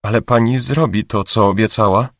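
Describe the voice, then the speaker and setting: A man reading in a lighter, hushed voice for a timid, anxious female client. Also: on the low side, steady tone, normal speed, dry recording, studio quality, pitched above the performer's own voice, close to an everyday voice. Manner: hushed, hesitant.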